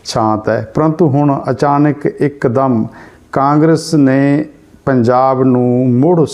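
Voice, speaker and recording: Male news commentator with a Punjabi accent, mellow and dark in tone, measured and restating. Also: mid-range voice, steady tone. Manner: measured, rephrases points with several synonyms. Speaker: news presenter.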